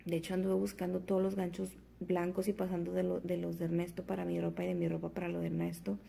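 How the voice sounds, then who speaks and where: A woman's voice: lowish voice, completely flat delivery, quick pace, creaky, warm tone, slight background noise. A young woman vlogging casually at home, rambling and chatty with lots of fillers, just out of bed. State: just woke up, fasting. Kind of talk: casual chat to camera.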